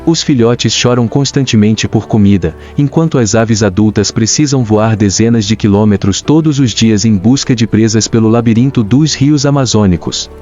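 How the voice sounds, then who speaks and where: A man with a Brazilian accent reads scripted nature documentary narration in a measured, dramatic storytelling way. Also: lowish voice, darkish tone. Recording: dull lo-fi sound with music. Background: clear background music.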